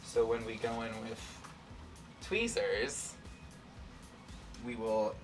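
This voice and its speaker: A man's voice: fairly low pitch, fairly even intonation, slow, far from the mic, over music. An American man hosting a casual science demonstration in a campy, informal way. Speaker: host, chemist presenter.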